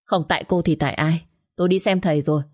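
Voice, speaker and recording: A woman voicing a furious, harsh older mother-in-law who shouts and scolds. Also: deep voice, fairly even intonation, fast. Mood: furious scolding.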